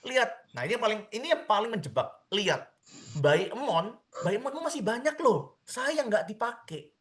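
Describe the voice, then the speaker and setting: A man giving a live seminar talk to an audience, animated, acting out what people say and often repeating a friendly address to the crowd. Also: moderate pace. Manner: animated, acts out people's quotes, repeats "teman-teman semuanya"; lively swings in pitch and loudness. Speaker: seminar speaker on crypto trading.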